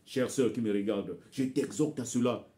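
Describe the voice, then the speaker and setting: At a moderate pace, a Bembe-speaking Congolese man exhorts his viewers in impassioned commentary aimed right at the camera. Warm and dark, his voice sits at mid pitch, and he calls his audience brothers and sisters while repeating words as he searches for phrasing.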